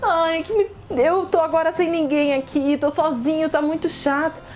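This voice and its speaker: A woman's voice: high voice, steady tone, normal speed, a little mellow, close to an everyday voice. A woman voicing a scheming, gossipy little male fish in a children's story, with a sly, whiny manner. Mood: sad.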